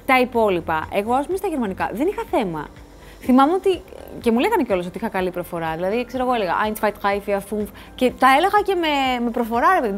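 A woman hosting a TV show, talking casually to the camera in a rambling way, full of asides and restarts. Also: fairly high pitch. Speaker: TV show host. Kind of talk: casual studio chat to camera. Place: TV studio.

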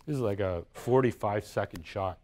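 A man's voice: fairly low pitch, normal speed, darkish tone. A man giving a live lecture about his own artworks in a university room, talking conversationally, thinking aloud and often checking in with "right?". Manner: thinks aloud with frequent restarts.

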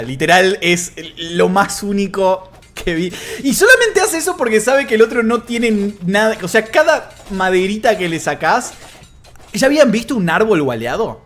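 Lively Argentine game caster, man. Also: high voice. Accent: Argentine Spanish. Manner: excitable, swings between calm play-by-play and shouted disbelief; swears casually. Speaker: streamer and caster. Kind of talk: live game commentary.

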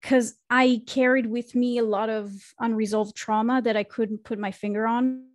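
A woman's voice: fairly high pitch, fairly even intonation, normal speed, no room sound. Woman telling her story, dry close sound. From Israel. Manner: reflective storyteller, frequent fillers and restarts. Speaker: podcast guest, marketing consultant. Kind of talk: casual interview conversation. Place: small home room. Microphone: studio microphone on a video call.

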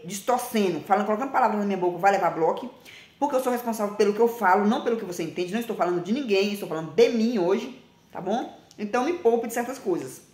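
A woman in her forties talking bluntly and emphatically to a phone camera, often ending phrases with a quick question. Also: medium pitch, darkish tone, reverberant. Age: 40s. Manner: blunt, emphatic, repeats herself, frequent "tá?". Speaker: vlogger. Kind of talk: casual direct-to-camera talk. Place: small indoor room with plain wall.

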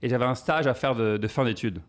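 French guy in his 30s, talks fast, storytelling comedian on a podcast. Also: mid-range voice. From France. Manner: animated storytelling with quoted asides. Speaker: guest comedian. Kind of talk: podcast interview answers.

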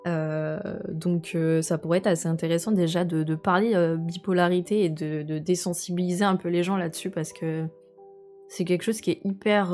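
A woman's voice: fairly low pitch, dark tone. A young woman streamer chatting casually and rambling with her viewers, answering chat messages as she goes.

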